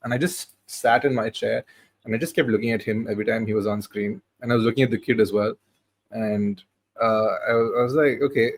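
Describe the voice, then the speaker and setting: A man's voice: on the low side, steady tone, brisk, no echo. A man in his thirties co-hosting a film podcast, retelling scenes in casual chat with many restarts. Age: 30s. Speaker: podcast co-host.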